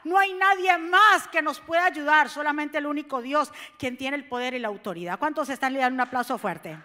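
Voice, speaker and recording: Woman preacher, high voice, fervent sermon, soft then shouting, long hall reverb. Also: fairly quick. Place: church hall.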